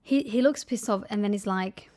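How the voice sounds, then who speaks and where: A young woman vlogging a casual story to camera, animated, acting out quotes with big pitch jumps and dropping to a whisper for asides. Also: moderate pace. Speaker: lifestyle vlogger.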